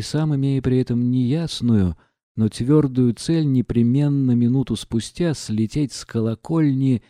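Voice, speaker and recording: A man narrating a classic novel in a measured, expressive reading. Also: medium pitch, dry recording, studio quality. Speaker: audiobook narrator. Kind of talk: scripted literary narration.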